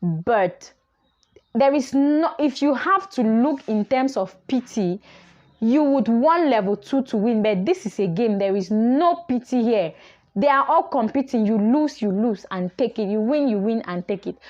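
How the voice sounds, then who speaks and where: A woman's voice: mid-range voice, lo-fi sound. Young woman, chatty and opinionated recap host, talks off the cuff with ums and restarts. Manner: chatty and opinionated, thinking aloud with fillers. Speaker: reality show commentator. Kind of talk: casual chat.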